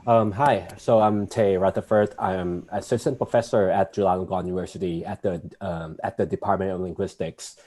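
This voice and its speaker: Low-voiced man. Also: steady tone, brisk, hardly any pauses, mellow. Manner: informal, chatty, often adds "like" and "you know". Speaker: academic panelist. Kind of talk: casual panel discussion.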